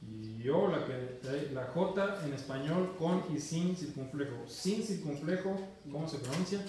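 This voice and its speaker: A man's voice: a little high, animated, a little slow, darkish tone. A man teaching an Esperanto class in a university classroom, patiently drilling pronunciation and repeating words. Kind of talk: classroom instruction. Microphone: far room recording. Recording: echoey classroom from far off, faint noise.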